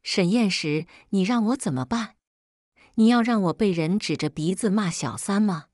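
A woman's voice: mid-range voice, moderate pace, darkish tone, no echo, clean studio sound, lightly acted. A woman reading the lines of a fragile, manipulative young man who speaks in a tearful, wounded way.

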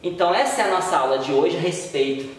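A woman's voice: lowish voice, expressive, fast. A Brazilian woman teaching a recorded primary school lesson, patiently explaining and drawing out the example words. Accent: Brazilian Portuguese. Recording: echoey room, voice far from mic.

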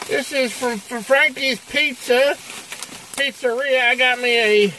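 A man's voice: very high-pitched, steady tone, a little slow, bright, forceful tone, a little hiss or hum, pitched above the performer's own voice, heavily acted, low-quality recording. A man voicing a goofy, flustered guy who chatters while eating takeout on camera. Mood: chatty.

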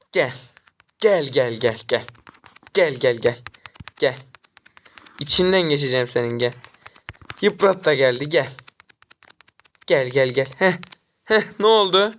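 A young man from Turkey commentating his own mobile game as he plays, taunting and trash-talking the enemy and getting excitable during chases. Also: medium pitch, takes it slowly, pauses often, lo-fi sound. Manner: excitable, jumps up when chasing. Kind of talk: live gameplay commentary.

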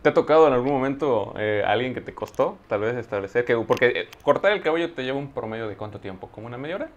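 A man in his thirties hosting an interview podcast, asking questions and backing the guest with quick, eager agreement. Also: mid-range voice, expressive, highs cut off. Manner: quick, affirming, many "sí, sí, sí". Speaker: podcast host. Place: indoor studio.

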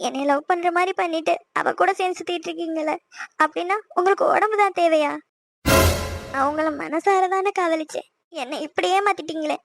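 A woman's voice: extremely high pitch, fairly quick, dry recording, faint music behind. A woman voicing a heartbroken young woman in a cartoon, pleading and wounded. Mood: bitter accusing. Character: heartbroken young woman in love, tearful, desperate.

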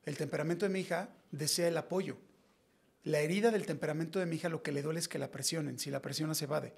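A Mexican man in his forties, a podcast guest, telling personal stories in a blunt, slangy, animated way. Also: fairly high pitch, quick pace, creaky, slightly rough. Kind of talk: casual podcast conversation.

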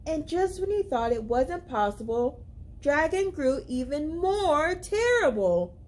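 A young woman reading a children's picture book aloud as a library storyteller, with expressive, deliberate, dramatic emphasis. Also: high voice. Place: indoors, library among bookshelves.

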